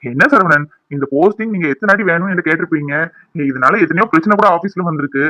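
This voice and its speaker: A man's voice: fairly high pitch, quick pace, pushed and bright, no room sound. A man voicing an office boss in a cartoon, persuading an employee to take a senior post. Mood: persuasive.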